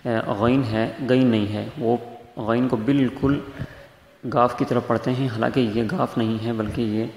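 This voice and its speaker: A man's voice: medium pitch, steady tone, gravelly, a little mellow. A man teaching Quran recitation, explaining letter sounds patiently and stretching out demonstrations. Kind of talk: tajweed lesson. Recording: echoey room with faint noise.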